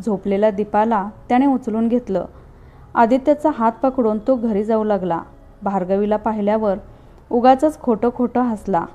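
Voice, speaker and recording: A woman storyteller reads scripted narration at a calm, measured, heartfelt pace. Her voice sits a little high. The recording has a slightly dull, lo-fi sound.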